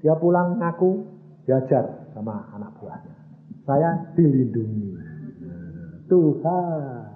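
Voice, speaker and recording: A male evangelist who preaches in an animated storytelling style and acts out the dialogue of his stories. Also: mid-range voice, slow, a little hiss or hum. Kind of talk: storytelling sermon. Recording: tinny, echoey church recording.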